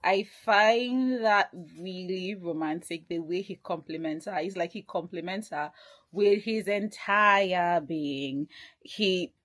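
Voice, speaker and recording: A woman's voice: lowish voice, slow pace, a bit bright. Chatty woman reviewing a romance film. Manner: chatty, laughs often, many fillers. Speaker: movie reviewer. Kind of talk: casual video review chat.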